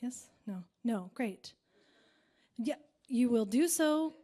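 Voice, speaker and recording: Woman leading a spiritual concert gathering; gentle, unhurried, high-pitched. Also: lively intonation. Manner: soft, slow, meditative. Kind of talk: spiritual talk between songs at a live concert.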